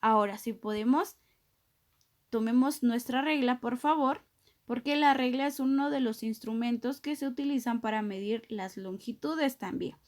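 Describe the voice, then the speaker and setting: A woman's voice: a little high, normal speed. A woman teacher giving a recorded math lesson to children, explaining patiently step by step and often checking "¿verdad?".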